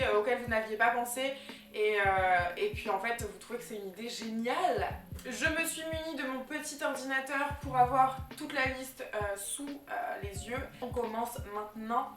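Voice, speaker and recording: In a casual vlog, a young woman with a fairly high, fairly bright voice chats enthusiastically about gift ideas, using plenty of fillers. Faint music plays in the echoey room.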